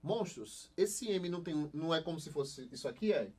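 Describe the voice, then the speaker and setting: A young Brazilian man with a lively, slightly high voice gives a recorded online class, asking the students questions and answering them himself. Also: normal speed, slightly rough. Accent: Brazilian Portuguese. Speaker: Portuguese teacher.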